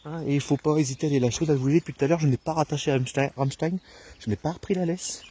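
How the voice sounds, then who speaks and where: A man explaining dog training outdoors on a rural path, talking to viewers in a relaxed way with many hesitations, filmed alone on a handheld camera. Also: a little high, racing, breathy edge. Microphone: camera filming alone, held himself.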